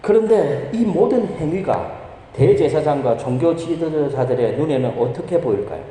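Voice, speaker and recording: A man's voice: fairly high pitch, lively intonation, moderate pace, dark tone, a little hiss or hum. A male pastor preaching a sermon, who poses rhetorical questions to the congregation and answers them himself. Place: church sanctuary. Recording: echoey church hall with long reverb.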